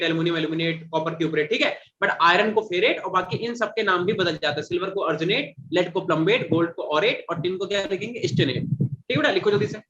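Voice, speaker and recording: High-voiced man quizzing a class. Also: fairly bright tone. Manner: repeats and quizzes students, calls them "beta". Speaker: teacher. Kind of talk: classroom chemistry lecture. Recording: dull lo-fi classroom recording.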